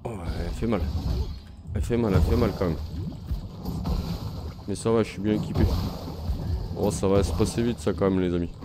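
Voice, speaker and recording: A man's voice: lowish voice, fairly quick, long pauses, music in the background. A man giving casual let's-play commentary, chatting to viewers and taunting enemies as he plays. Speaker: gaming youtuber.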